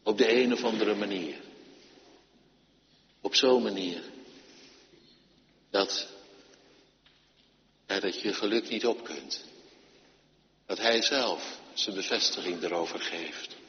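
A man preaching a sermon, emphatic, moving between loud urging and quiet, intimate passages. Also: fairly low pitch, slow pace, pauses often, slight background noise. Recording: dull lo-fi sound with long hall reverb.

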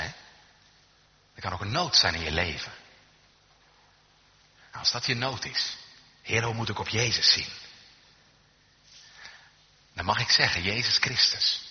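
A man preaching a sermon in a church, emphatic and swinging from hushed lines to loud calls, in a reverberant, dull recording. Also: lowish voice. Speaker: pastor.

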